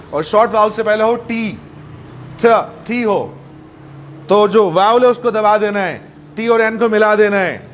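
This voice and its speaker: A man from Pakistan gives a lively classroom lesson on English with a noticeably high voice. He keeps quizzing his students with playful, rapid questions, while a faint hum sits behind him. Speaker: English teacher.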